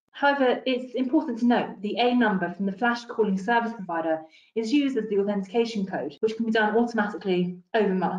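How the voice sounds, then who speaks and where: A woman's voice: medium pitch, a little mellow, muffled recording. Woman giving an analyst briefing, roomy sound. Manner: measured and explanatory, with occasional restarts. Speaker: industry analyst. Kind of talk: presenting a research briefing.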